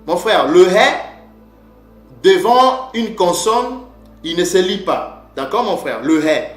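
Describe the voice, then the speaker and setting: Guy teaching word stuff, kinda high voice, keeps saying my brother, echoey room w faint music. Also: animated, slow pace. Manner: repeats "mon frère", asks and answers his own questions. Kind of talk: informal lesson.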